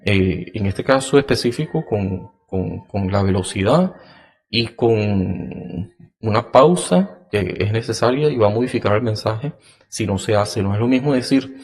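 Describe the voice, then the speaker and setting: Male podcast host, low-ish voice, very slow deliberate explainer with frequent fillers. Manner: acts out example phrases in a raised, sing-song pitch.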